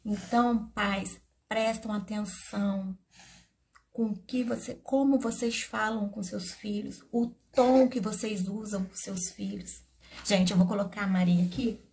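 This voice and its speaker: A woman's voice: medium pitch, fairly even intonation, unhurried, a little mellow. A middle-aged woman therapist with a Brazilian Portuguese accent, talking casually to camera and telling an earnest personal story as she advises parents. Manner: earnest, storytelling, addresses viewers directly. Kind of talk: casual advice talk to camera.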